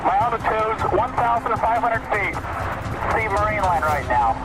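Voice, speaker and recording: A man's voice: high-pitched, lively intonation, measured pace. A man on a two-way radio, giving terse check-ins to his ground crew and signing off each one. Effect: two-way radio transmission. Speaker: balloon flyer reporting to ground crew. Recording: noisy distant archival radio audio.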